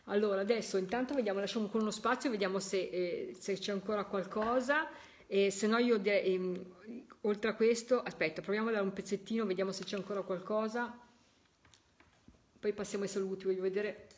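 A woman's voice: medium pitch, fairly even intonation, brisk. A woman hosting a live spiritualist session, talking straight to her viewers, coaxing them to listen and exclaiming her delight again and again, physically tired. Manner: effusive, exclaims delight repeatedly; coaxing, addresses listeners directly. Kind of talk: live-stream commentary to viewers.

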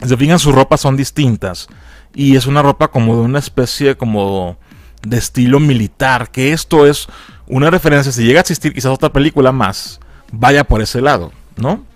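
Mexican man, mid-range voice, dry close sound, faint music behind; slangy, animated film recap. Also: mid-range voice, moderate pace, dry recording. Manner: animated and slangy, acting out characters' lines in a raised voice. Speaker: film reviewer.

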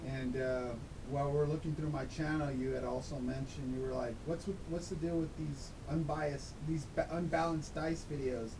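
A man's voice: steady tone, moderate pace, hardly any pauses. A man talking through a voice disguiser, explaining things casually and emphatically as an interview guest, often checking in with "okay?". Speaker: guest, dice-control instructor. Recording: clear background noise with low rumble.

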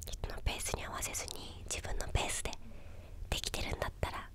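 Whispering young woman in casual ASMR chat. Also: fast talker. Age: young adult. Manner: soft, unvoiced whispering. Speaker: ASMR video creator. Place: small quiet indoor room with a bed or sofa. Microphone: desktop condenser microphone, close up.

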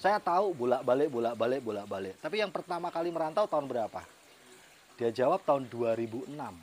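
A man's voice: mid-range voice, expressive, fast, darkish tone. A middle-aged man telling a personal story in a vlog, chatty and motivational, laughing often. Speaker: network marketing team leader.

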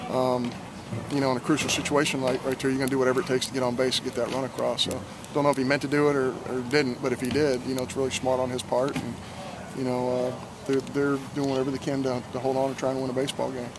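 A middle-aged man speaks as a baseball coach in a postgame interview, talking fast in an even, flat tone. He is earnest and measured, often repeating a word as he restarts a thought. He was recorded close up on a camcorder in an outdoor stadium at night, with clear outdoor noise behind him. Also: mid-range voice.

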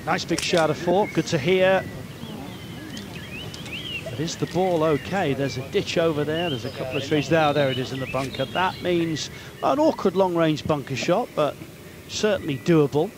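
A male golf commentator with a fairly high-pitched voice calls live play. He speaks in short, appraising phrases, often ending on a tag question, over heavy outdoor ambient noise. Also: moderate pace. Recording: noisy outdoor ambience behind the voice. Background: steady outdoor course noise.

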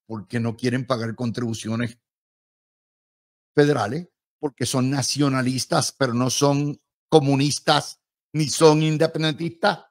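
A man with a Puerto Rican accent giving emphatic, combative and sarcastic political commentary as an analyst. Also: mid-range voice.

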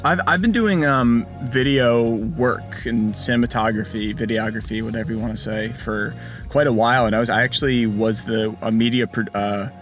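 A young man with an average pitch, talking easily from the passenger seat of a car. He jokes around and fills his pauses with fillers. Soft music hums beneath the conversation. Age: 20s. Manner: easygoing, jokey, filler-heavy. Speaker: co-host. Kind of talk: casual Q&A chat. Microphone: camera on the dashboard.

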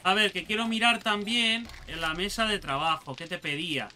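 A young man with a Spain Spanish accent giving excitable let's play commentary, talking to himself and the game and swearing casually. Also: sits high, moderate pace, a little hiss or hum. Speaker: gaming channel host.

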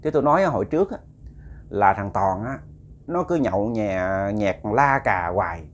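A man's voice: on the low side, lively intonation, normal speed. A middle-aged village woman gossiping at the market in a told ghost story, as a male narrator puts her on. She talks in a chatty, indignant way with a Southern Vietnamese accent, close to the teller's own voice.

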